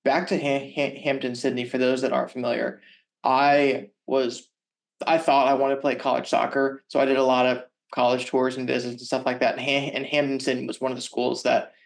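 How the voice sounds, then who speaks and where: A man's voice: mid-range voice, completely flat delivery, fairly quick, creaky. A young man with a boyish-sounding voice, hosting a podcast in a casual, chatty interview style. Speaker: podcast host.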